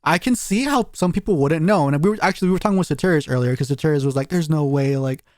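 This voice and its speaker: A man co-hosting a casual podcast, talking in a rambling, animated way and laughing often. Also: on the high side, very fast, no room sound, studio quality. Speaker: podcast co-host.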